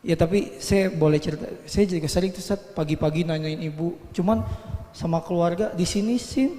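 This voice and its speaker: A man's voice: on the high side, fairly quick, warm tone. A man moderating a question session, polite and deferential, often addressing the speaker respectfully. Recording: echoey hall.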